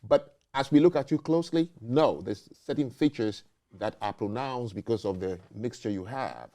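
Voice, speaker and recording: A man's voice: medium pitch, moderate pace, warm tone. A man hosting a talk show, making emphatic points and checking in with "okay?" and "you know". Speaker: host. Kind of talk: casual debate talk.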